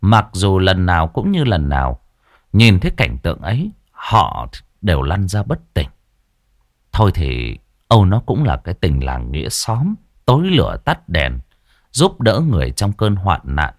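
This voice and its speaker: Low-voiced man telling a ghost story. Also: measured pace, dry recording, clean studio sound. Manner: dramatic, animated storytelling.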